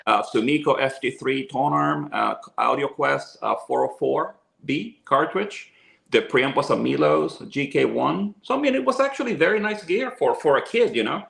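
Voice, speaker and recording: Speaking at a moderate pace in an animated, fairly bright medium-pitched voice touched with fry, a man in his fifties from Venezuela guests on a casual interview. He's an audio equipment seller and an enthusiastic, chatty storyteller, passionate about music and gear. Echo from the room is audible.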